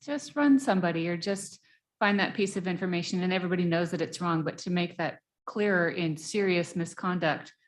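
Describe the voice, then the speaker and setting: A woman commissioner with a lower voice makes her case during a meeting. She speaks deliberately and earnestly. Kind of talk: meeting discussion.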